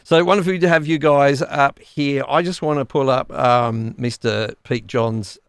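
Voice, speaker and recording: Aussie guy hosting a stream, gravelly voice, trips over his words and laughs a lot, dry sound. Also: medium pitch, steady tone, no echo. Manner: chatty, stumbling over words, quick to laugh. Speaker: livestream host. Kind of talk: casual livestream chat.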